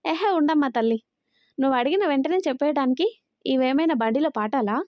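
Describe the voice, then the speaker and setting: Brief: female reader as joking young male assistant, light and high, dry dull recording. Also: lively intonation, fairly quick, no room sound. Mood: cheeky. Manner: pleading, cheeky banter.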